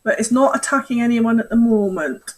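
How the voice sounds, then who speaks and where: Game master: woman, fairly high voice, chatty, thinks out loud. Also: brisk, poor audio. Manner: chatty, thinks aloud with restarts. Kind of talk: narrating a tabletop game.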